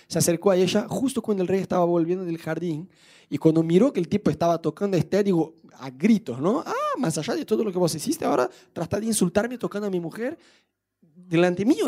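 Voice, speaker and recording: High-voiced preacher telling a story. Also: male voice. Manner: lively, jokey retelling with acted quotes. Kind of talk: humorous storytelling sermon.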